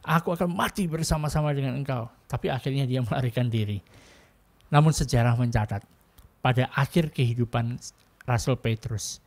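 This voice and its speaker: Man, preacher, earnest storyteller, acts out dialogue, mid pitch. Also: dark tone. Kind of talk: sermon.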